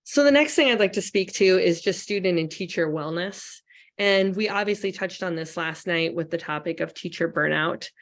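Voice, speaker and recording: A woman teacher speaking earnestly and reflectively at a conference, with frequent restarts. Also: fairly low pitch. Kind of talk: conference talk. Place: conference hall.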